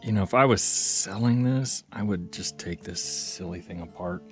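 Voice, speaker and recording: An audio repair vlogger with a deep, low-pitched voice works through a hands-on repair, thinking aloud like a hobbyist video host. He's casual, folksy and rambling at a moderate pace, with soft music in the background.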